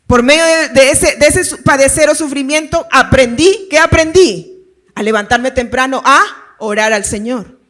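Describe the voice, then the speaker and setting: High-voiced woman pastor preaching. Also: moderate pace. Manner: animated, laughing storytelling with rhetorical questions. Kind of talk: sermon.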